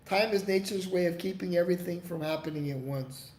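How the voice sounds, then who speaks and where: A livestream host with a high, brisk, slightly mellow voice answers viewer comments casually, rambling and swearing as he keeps restarting his sentences. The room is echoey, with faint noise in the background.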